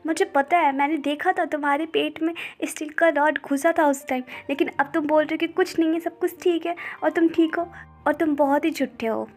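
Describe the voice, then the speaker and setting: A woman's voice: high voice, fairly even intonation, a little fast, a little mellow, lightly acted. A woman voicing a flustered young woman, a former gang member, who stammers indignant denials. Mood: angry.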